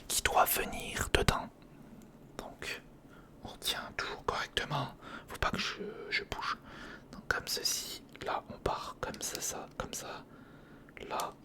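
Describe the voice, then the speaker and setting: This ASMR host keeps to a breathy, close-miked whisper, musing aloud to the listener while working through a build step by step. The recording uses either a studio condenser or a close recorder.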